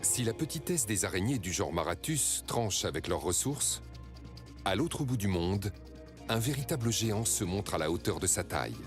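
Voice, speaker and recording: A man reading scripted nature documentary narration in a measured, dramatic storytelling way. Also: fairly low pitch, big pitch swings, over music.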